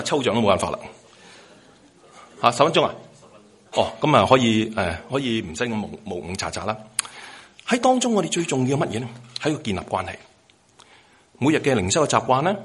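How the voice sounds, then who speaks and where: A middle-aged male pastor preaching in a lively, conversational way, asking his listeners questions. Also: lowish voice, husky. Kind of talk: sermon on devotional practice.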